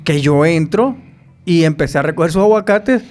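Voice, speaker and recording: A man with a fairly high-pitched voice, speaking at a moderate pace, tells stories as a guest on a podcast interview. He's an animated storyteller who acts out the voices of the people he quotes, with a little hiss or hum in the audio.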